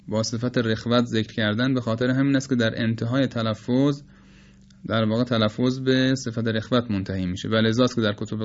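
A man with Persian as his first language, teaching the pronunciation of letters in a measured, explanatory lecture and slowly demonstrating sounds. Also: mid-range voice, a little mellow, muffled recording. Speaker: teacher of Quranic recitation. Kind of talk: spoken lecture on phonetics.

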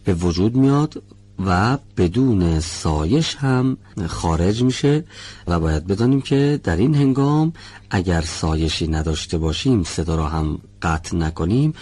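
A man teaching Quran recitation in a classroom lesson, patiently demonstrating sounds and reciting words in a slow, drawn-out chant. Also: low-pitched, warm tone, breathy edge, no room sound.

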